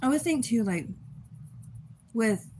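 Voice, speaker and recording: A woman's voice: fairly high pitch, expressive, takes it slowly, darkish tone, slight background noise. Chatty young woman livestreaming. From Texas. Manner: rambling, chatty, laughs often. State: just woken up, eating while talking. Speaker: livestream host. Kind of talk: casual livestream chat.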